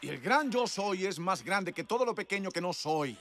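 A man's voice: high voice, animated, normal speed, a bit bright, some chatter behind, a little hiss or hum. A man preaching a sermon in a conversational storytelling way, emphatic and laughing often.

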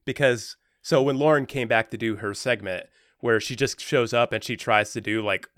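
Brief: young male podcast guest, relaxed rambling talker, dry close-miked sound. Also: medium pitch, normal speed, no echo. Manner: laid-back, rambling with lots of "like" and "um". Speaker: podcast co-host, special guest. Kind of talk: casual chat.

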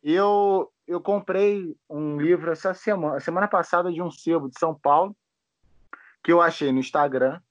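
A man's voice: fairly high pitch, moderate pace, dry recording. A Brazilian man hosting a podcast, chatting casually, rambling with many restarts and casual swearing. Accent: Brazilian Portuguese. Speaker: podcast host. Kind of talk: casual chat. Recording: dull lo-fi dry sound.

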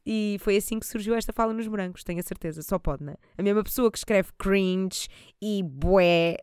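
A woman's voice: medium pitch, normal speed, darkish tone, smooth, no echo, clean studio sound. A woman with a European Portuguese accent doing casual, humorous commentary in a chatty, slangy way, slipping into mimicked asides. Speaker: commentator reviewing a TV series.

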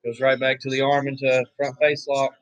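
A hoarse man, giving laid-back, chatty play-by-play commentary on a wrestling match, with offhand asides. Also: medium pitch, completely flat delivery, moderate pace, a bit bright, dry recording, rough recording. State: hoarse, losing his voice. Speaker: wrestling watch-along commentator.

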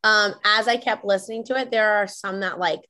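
Female podcast guest, mid-pitched voice, casual chat over a video call. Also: fairly even intonation, a little fast, bright, forceful tone.

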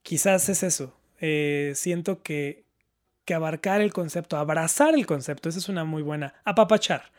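Speaking at a normal pace in a slightly high voice, a Spanish-speaking man who studies Japanese chats reflectively as a panelist, often repeating words while he looks for the best way to put things.

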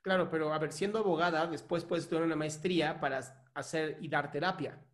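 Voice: mid-range voice, fairly even intonation, fairly quick. The host of an online advice show, talking bluntly and directly to a caller over a video call.

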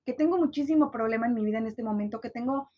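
A young woman with a Mexican accent, telling a story to her viewers in a casual, slangy and animated way and acting out the lines of the people in it. She sounds stressed and anxious. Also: fairly high pitch, quick pace, dull audio. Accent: Mexican Spanish. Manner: animated, slangy, acts out quoted dialogue.

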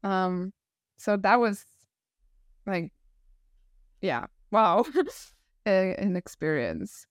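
A woman in her thirties with a northern German accent, talking as a podcast guest. She tells her story in a reflective, animated way and laughs often. Her voice is smooth and clear, recorded dry and close. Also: mid-range voice, very slow, pauses often, no echo. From northern Germany, near Hamburg. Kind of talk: casual interview conversation.

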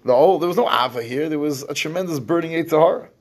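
A man's voice: a little high, fast, breathy edge. A man teaching a scripture class, explaining verses at length and often restarting his phrases. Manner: explains in English with Hebrew terms, restarts often. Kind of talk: lecturing on scripture.

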